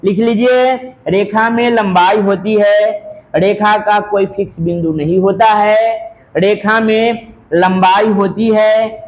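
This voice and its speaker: A man's voice: high-pitched, steady tone, low-quality recording. A man teaching a math class in with a flavour, dictating notes phrase by phrase, repeating each line and answering his own questions. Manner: repeats each phrase slowly for students to copy; asks questions and answers them himself.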